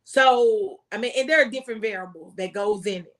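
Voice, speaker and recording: In a mid-range, fairly bright voice at a fairly quick clip, an American woman who used to be a tax agent gives impassioned tax advice conversationally. She's folksy and forceful, repeating phrases for emphasis.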